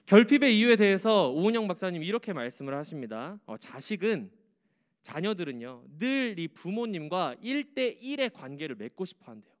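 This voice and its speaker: A young man preaching to high school students in a church, chatty and joking. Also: sing-song, normal speed. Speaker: youth pastor.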